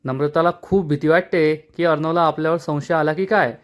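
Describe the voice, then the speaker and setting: A man's voice: a little high, fairly even intonation, a little fast. A man reviewing a TV serial episode, narrating the plot dramatically and addressing listeners as friends.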